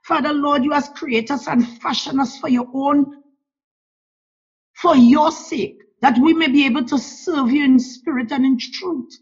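A woman leads a fervent spoken prayer, pleading and repeatedly calling on God and the Lord between phrases. Her voice is high-pitched, fairly even in intonation and unhurried, captured in a dull lo-fi recording.

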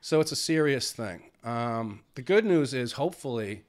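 A man's voice: mid-range voice, lively intonation, moderate pace. A middle-aged man, sounding congested from a cold, talking in a rambling, conversational vlog style with plenty of filler words. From United States. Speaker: vlogger. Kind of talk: casual vlog chat.

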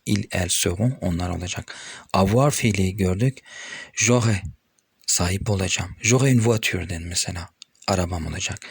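A man with a low, husky voice and a Turkish accent. He explains French verb forms patiently and reads each conjugation slowly. The sound is dry and close. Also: no echo. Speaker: French teacher. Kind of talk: explaining grammar to viewers.

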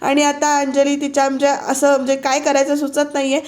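A woman's voice: high voice, monotone, a little fast, a little mellow. A woman narrating a voice-over recap of a TV serial episode, chatting directly to her viewers. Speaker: TV serial reviewer.

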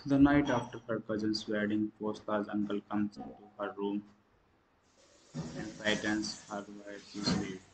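Monotone man reading a film recap. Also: on the low side, slight background noise, poor audio. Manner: halting reading with slips and restarts; clears throat and coughs between lines. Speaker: movie review channel host. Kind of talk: read-aloud film summary.

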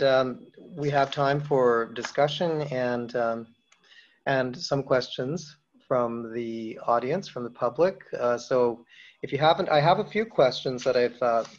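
Man as panel moderator, halting delivery with many fillers, muffled lo-fi recording. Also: medium pitch. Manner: halting, frequent ums and restarts. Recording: dull lo-fi event audio.

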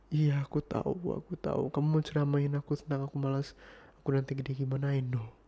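A man's voice: mid-range voice, monotone, brisk, muffled recording, natural voice. A man playing an irritated young boyfriend in an ASMR role-play, arguing insistently and sometimes dropping to a whisper. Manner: exasperated, insistent, slipping into soft whispers.

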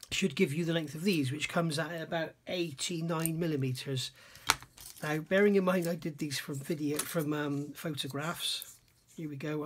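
A middle-aged man reviewing a scale model kit at his workbench, thinking aloud and often questioning himself. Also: a little high. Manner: musing, self-questioning, admiring. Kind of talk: casual hands-on kit review. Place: workbench indoors.

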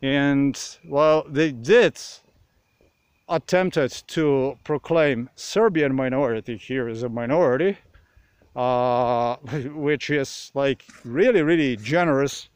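A man from Slovenia speaking English, rambling through a halting monologue full of pauses and restarts while outdoors on a dark road at night, recorded on a handheld phone. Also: medium pitch, smooth, no echo. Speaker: vlogger.

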